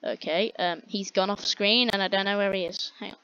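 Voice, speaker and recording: A young woman giving rambling, exasperated commentary on a slow-loading online game while chatting with a friend. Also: medium pitch, fairly even intonation, sharp tone, clean tone. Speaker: gamer. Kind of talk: casual gameplay commentary. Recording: dull lo-fi dry recording.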